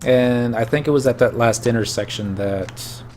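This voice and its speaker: A man's voice: mid-range voice, moderate pace, a little mellow, slight background noise. Man rambling over gameplay. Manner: rambling, anecdotal storytelling. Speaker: gameplay streamer. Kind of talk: casual gameplay commentary.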